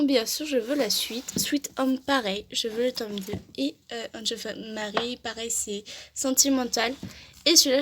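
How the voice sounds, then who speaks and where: A woman's voice: on the high side, background noise. Hesitant woman vlogger with a sore throat. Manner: rambling and hesitant, many fillers and restarts. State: sore throat, talking with effort. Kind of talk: casual vlog showing her books.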